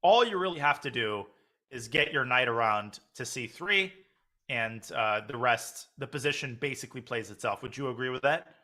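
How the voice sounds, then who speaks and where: Bright, forceful male chess commentator. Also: medium pitch, expressive, moderate pace. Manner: conversational, poses questions to co-commentator. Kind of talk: live chess tournament commentary.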